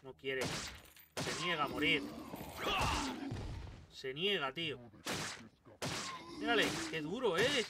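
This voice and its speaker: A man with a Spain Spanish accent giving excitable let's play commentary, swearing a lot and talking back to the game. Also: fairly high pitch, slow, pauses often, distant mic, very noisy. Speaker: gaming YouTuber. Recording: game gunfire loud behind the voice. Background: loud game gunfire and ambience.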